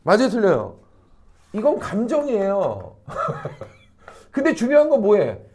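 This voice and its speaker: A middle-aged man teaching high school social studies, lecturing in a lively way, acting out quoted people and checking in often with rhetorical questions. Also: unhurried, slight background noise. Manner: animated, acts out quoted people, frequent rhetorical check-ins, salty slang. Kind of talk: classroom lecture. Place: academy classroom.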